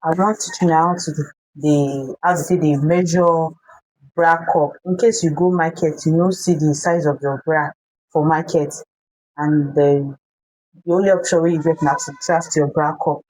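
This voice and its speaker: Female tutorial host, West African Pidgin English, low-pitched voice, instructional delivery with repeats and check-in questions. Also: steady tone, normal speed, darkish tone, rough recording. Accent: West African, speaking Pidgin English. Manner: repeats phrases, checks that viewers follow.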